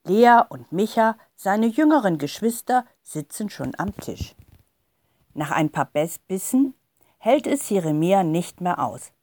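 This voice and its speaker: Slow, mellow woman reading a storybook. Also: mid-range voice, sing-song, no room sound. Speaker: reader of a children's story. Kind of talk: scripted storybook narration.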